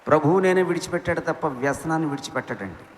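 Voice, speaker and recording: Impassioned high-voiced preacher in an echoey hall. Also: male voice, expressive, rapid-fire, a little hiss or hum. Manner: impassioned, rhetorical questions, swings between loud and soft. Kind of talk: sermon. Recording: echoey hall with faint ambience.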